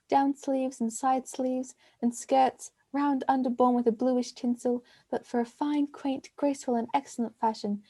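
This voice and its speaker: A woman's voice: high-pitched, warm tone, slightly rough, heavily acted. A woman reading a teasing young waiting-woman. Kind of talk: amateur play reading online.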